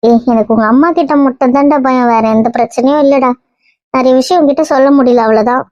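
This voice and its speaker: A woman plays an anxious aunt who pleads with the family. Her voice is high and quick, and the recording is dry and muffled. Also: fairly even intonation, darkish tone, dry recording, natural voice. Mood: worried. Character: worried aunt of the groom. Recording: muffled lo-fi sound.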